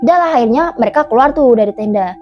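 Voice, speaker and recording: A woman's voice: on the high side, lively intonation, racing, dull audio, slight background noise. A woman casually retelling a mountain-camping ghost story, chatty and full of fillers and self-corrections.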